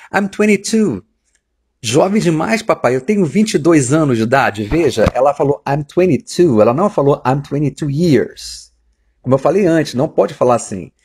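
A Brazilian man with a Brazilian Portuguese accent, teaching English grammar from film clips, who repeats the English phrases slowly and deliberately. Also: a little high, darkish tone, breathy edge.

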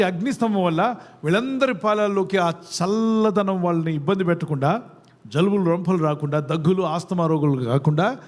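A man preaching a sermon to a congregation, asking questions and urging them to answer aloud. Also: sits high. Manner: call-and-response, quizzing the congregation. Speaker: pastor. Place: church service before a congregation.

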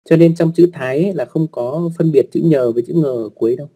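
A man's voice: fairly high pitch, quick pace, dark tone, breathy edge. A man teaching an online lesson on writing rules, speaking patiently with polite particles, frequent fillers and repeated words.

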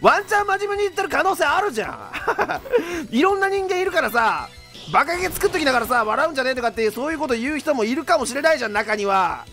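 A young man rants through a game in let's play commentary, rough-spoken and exasperated, breaking into laughs. His voice sits very high and swings widely, with a bright edge. Game music plays faintly underneath. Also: lively intonation, quick pace. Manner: rough-talking, exasperated ranting with frequent laughter.

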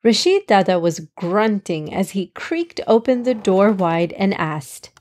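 A woman reading a children's story aloud as host of a kids' podcast. She takes a slow, unhurried pace and shapes each line expressively, her pitch medium. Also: sing-song, darkish tone. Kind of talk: storybook narration.

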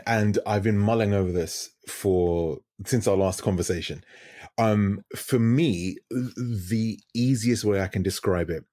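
A man with a very deep, husky voice talks reflectively on a video call. He stops to restart and search for words, and the sound is dry and close with no room echo. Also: a little mellow. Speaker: guest DJ. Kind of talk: casual podcast interview. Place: home room with lit wall.

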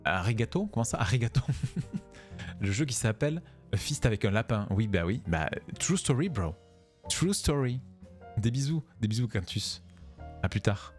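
A man streaming a video game, talking casually and joking with his viewers, thanking them one by one. His voice sits a little low but moves around a lot, with faint game music playing behind him. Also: expressive, normal speed, pauses often. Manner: chatty, thanks viewers by name, jokey. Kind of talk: casual let's-play commentary.

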